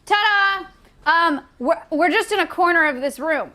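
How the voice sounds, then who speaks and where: A woman's voice: high voice, brisk, pushed and bright. A young woman hosting a casual streamed vlog and walking viewers through a sanctuary. She talks in an upbeat, chatty way and laughs often. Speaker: sanctuary host giving a tour. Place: indoor studio room.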